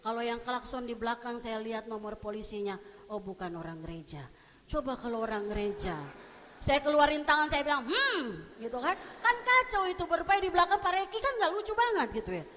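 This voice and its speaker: A woman pastor preaches a sermon in a church sanctuary, keeping it conversational and humorous and frequently putting questions to the congregation. Her voice is high-pitched and a bit bright, and she talks fast. The long reverb of the church hall carries through the recording.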